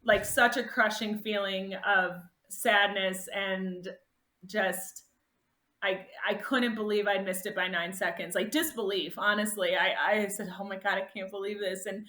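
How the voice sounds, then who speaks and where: A woman guest on a podcast, telling her race story in a casual, animated way and laughing often. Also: mid-range voice, unhurried, reverberant. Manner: animated, laughs often, voice rises sharply when reliving moments.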